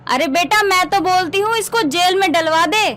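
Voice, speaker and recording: A woman voicing a shrill scolding mother-in-law. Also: moderate pace, fairly bright tone. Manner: scolding, theatrical wailing. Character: stern middle-aged mother-in-law, quick to scold. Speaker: voice actor. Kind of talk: animated story dubbing. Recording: background music under the voice.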